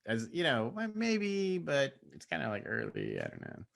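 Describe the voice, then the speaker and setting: Lively, bright-voiced casual man. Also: medium pitch, normal speed, creaky. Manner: laid-back, rambling storyteller. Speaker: co-host. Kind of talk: casual chat. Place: live online show.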